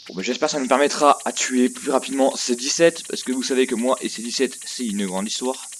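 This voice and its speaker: A man speaks briskly in a medium pitch with fairly even intonation, and the sound is a bit bright. He hosts a casual gaming let's play, rambling and hesitating as he thinks aloud into a noisy headset mic, with clicking and clear noise in the background.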